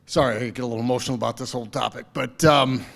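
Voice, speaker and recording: A man's voice: medium pitch, steady tone, racing, gravelly, a bit bright, big-room sound. A man giving a fundraiser speech at a lakeside party, rallying the crowd with repeated calls to commit. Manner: rousing, repetitive rallying calls. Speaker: fundraising campaign speaker. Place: party venue by a lake.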